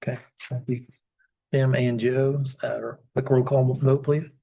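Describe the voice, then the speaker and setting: A man presiding over a town council meeting, calling agenda items and votes in a relaxed, polite way. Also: medium pitch, rough recording. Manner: relaxed and polite, moves items along briskly. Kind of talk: procedural meeting chairing.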